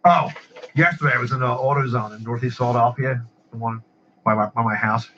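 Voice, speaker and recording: A man's voice: mid-range voice, fairly even intonation, a little fast, fairly bright tone. A man telling rambling stories in casual chat, repeating his words and laughing at his own tales. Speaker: podcast regular. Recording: muffled lo-fi with faint hiss.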